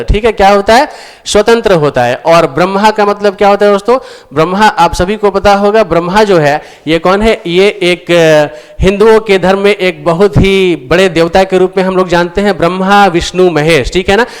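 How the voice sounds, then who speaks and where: A man teaching Hindi grammar for exam preparation. He calls his viewers friends, repeats each answer for emphasis and reads example sentences aloud slowly. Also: sits high, clean tone. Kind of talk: exam-prep lesson explaining answers. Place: screen-recorded lesson with on-screen board.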